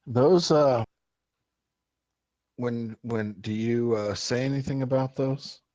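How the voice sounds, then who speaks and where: A man running a tabletop game as game master over voice chat, speaking haltingly while his mic cuts out and his volume jumps around. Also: mid-range voice, warm tone, no room sound. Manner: halting, restarts often. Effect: mic cutting out, uneven volume.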